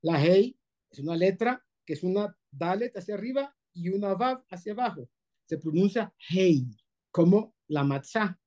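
A man's voice: sits high, expressive, moderate pace, darkish tone. A man with a Colombian Spanish accent teaching a class as a rabbi, emphatic, repeating and exaggerating sounds to demonstrate them and checking that his students follow. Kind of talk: spoken class, explaining pronunciation.

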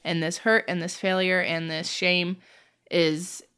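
A young woman co-hosting a casual faith podcast, earnest and quick to laugh. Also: on the low side, little pitch movement, clean tone. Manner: earnest, laughs easily, softens when reflective. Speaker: podcast co-host.

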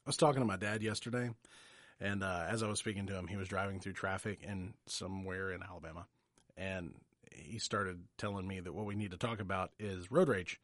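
A man, co-hosting a podcast as casual chat and telling animated stories that quote other people, laughing often. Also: deep voice, a little fast, no room sound, studio quality. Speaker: podcast co-host.

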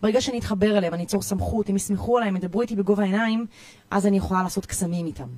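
A woman youth coach with an Israeli accent, giving parenting tips in a podcast interview in an energetic, emphatic way, often repeating herself. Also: medium pitch, no room sound. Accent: Israeli Hebrew. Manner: energetic, repetitive, emphatic listing.

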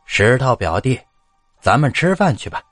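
A man voicing a generous male cousin who works as a peddler, brisk and friendly. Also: medium pitch, sing-song, fairly bright tone, dry recording, soft background music.

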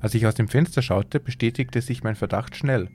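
A man hosting a podcast, reading a horror story aloud in a measured, suspenseful way. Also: mid-range voice, darkish tone, a little hiss or hum. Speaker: podcast host and story reader.

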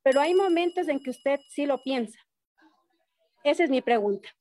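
A woman asking an interview question in a measured way. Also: sits high, lively intonation, mellow, slight background noise.

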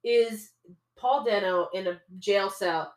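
A woman co-hosting a podcast in casual chat, animated and laughing often. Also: medium pitch, slow, roomy sound. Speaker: podcast co-host.

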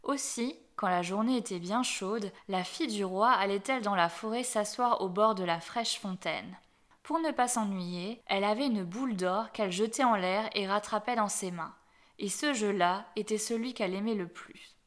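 A woman reading a fairy tale aloud as storyteller, gentle and dropping softly at the ends of phrases. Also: mid-range voice, normal speed.

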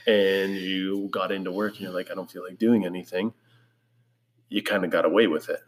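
A man's voice: sits low, little pitch movement, brisk. A man chatting casually with his wife, dry and teasing in a laid-back way. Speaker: husband, podcast guest. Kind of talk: casual couple chat.

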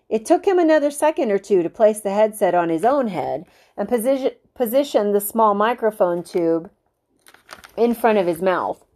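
A woman teacher reading a novel aloud, expressive, slowing for dramatic moments. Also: mid-range voice. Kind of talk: storybook read-aloud.

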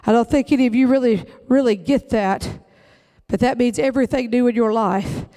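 Man preaching a fiery, folksy sermon in a very high voice. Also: fairly quick, mellow. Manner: emphatic preaching, folksy Southern phrasing. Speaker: pastor.

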